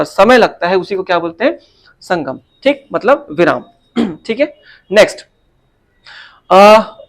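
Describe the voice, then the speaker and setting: A man with a high voice teaches a Hindi class in a relaxed way. He walks through exam answers step by step, often checking in with tag questions and fillers as he goes. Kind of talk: casual exam answer walkthrough.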